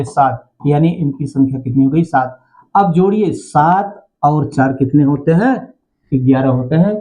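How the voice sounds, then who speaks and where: A man teaching a Hindi grammar class, who repeats key phrases and keeps asking his students questions. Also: a little high. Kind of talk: classroom lecture. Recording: dull lo-fi sound.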